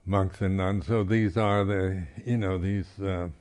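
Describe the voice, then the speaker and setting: His voice is low-pitched, steady, and darkish. He is a Buddhist monk teacher delivering an unscripted, reflective talk at a meditation retreat, halting as he goes and often clearing his throat.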